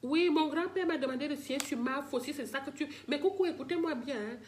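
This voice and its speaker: A woman's voice: high voice, fast, a little hiss or hum. An older woman ranting emotionally to her live-stream viewers, pleading and repeating herself as she talks straight to them. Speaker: livestreamer addressing viewers.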